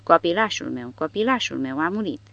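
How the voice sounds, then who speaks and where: Woman doing a huge wild soldier guy, roaring, frantic, loud and pitched up. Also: animated, creaky, no room sound, lo-fi sound, full character voice. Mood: anguished. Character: huge brutish male soldier, crazed with rage.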